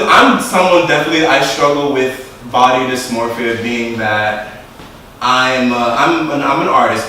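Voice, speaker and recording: A young man hosts a relaxed group conversation, animated and quick to laugh. His voice sits in a middle register. It is picked up from across a very echoey room with faint background noise. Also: mid-range voice, distant mic. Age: 20s. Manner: laughs often, animated, chatty. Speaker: host. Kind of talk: casual panel chat.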